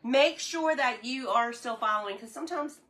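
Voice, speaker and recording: A woman's voice: fairly high pitch, normal speed, fairly bright tone. A woman, chatting casually on a live cooking stream while eating, enthusiastic and sometimes talking with her mouth full.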